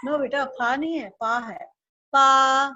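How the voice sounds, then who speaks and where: A woman's voice: fairly high pitch, a little slow, no room sound, lo-fi sound. A woman teaching an online Chinese lesson, patiently drilling syllables and tones for the student to repeat.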